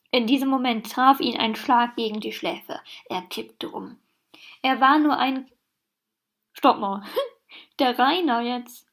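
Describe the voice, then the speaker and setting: A woman reading a story aloud in a mocking tone, reading the punctuation out and breaking off for dry sarcastic comments. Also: high-pitched. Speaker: reader of a fan text.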